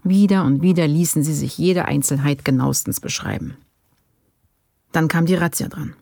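An audiobook narrator reading a crime novel in an even, measured way. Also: mid-range voice, creaky, no echo, clean studio sound.

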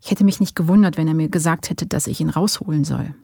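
A narrator doing tired male informant, defensive, gravelly edge, dry close sound. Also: mid-range voice, fast talker, warm tone, dry recording. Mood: weary. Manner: defensive, weary answers. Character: exhausted, cornered male informant under interrogation.

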